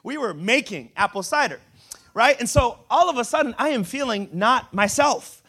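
A man in his thirties, from Brazil, preaches with a very high voice. His tone is bright and forceful. He tells funny personal stories in an animated way. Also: moderate pace. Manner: animated, humorous storytelling with laughs.

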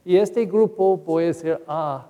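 Older male parish priest for a Sunday homily: unhurried, anecdotal storytelling in a fairly high, mellow voice, church echo.

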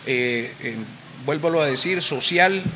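A man's voice: fairly high pitch, measured pace, bright, forceful tone, a little hiss or hum. A man talking as a podcast guest, lecturing on history with many hesitations. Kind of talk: casual podcast chat.

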